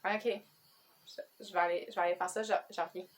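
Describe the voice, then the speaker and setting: A woman's voice: fairly low pitch, fairly even intonation, normal speed. A woman with a Quebec French accent, chatting casually to camera as a book vlogger, rambling and breaking into her own asides.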